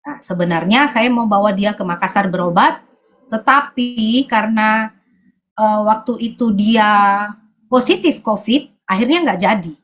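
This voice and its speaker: A woman from Sulawesi giving a personal testimony at church, often pausing to search for her words. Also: mid-range voice.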